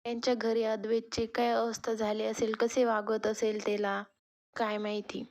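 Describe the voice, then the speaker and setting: A woman's voice: a little high, monotone, moderate pace, darkish tone, natural voice. A woman reading a fretting mother. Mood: anxious. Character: worried middle-aged mother fretting over son.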